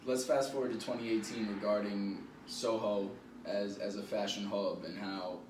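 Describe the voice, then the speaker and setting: A man hosting a podcast, relaxed and steering the chat with short prompts. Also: fairly low pitch, moderate pace. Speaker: podcast host. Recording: echoey room, far from mic, noise.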